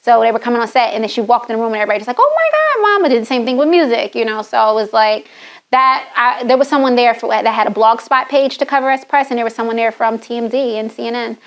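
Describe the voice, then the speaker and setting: Woman, middle-aged, very fast talker, fairly high voice, blunt and animated, casual podcast chat. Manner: animated, candid, profane, laughs often. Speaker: guest, wardrobe stylist and author.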